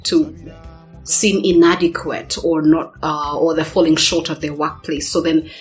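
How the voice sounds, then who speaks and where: A woman from Uganda talks as a show guest in a lowish voice and chooses her words with many fillers. The sound is dull and lo-fi, with faint music underneath. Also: steady tone, a little slow. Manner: thoughtful, hesitant with many fillers, laughs easily. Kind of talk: casual talk show conversation.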